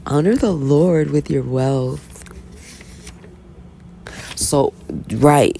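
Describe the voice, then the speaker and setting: A woman with a deep, creaky voice draws out her words while casually telling a story for her Bible reading vlog. Animated and chatty, she's blunt and unapologetic and constantly asks "right?", against slight background noise.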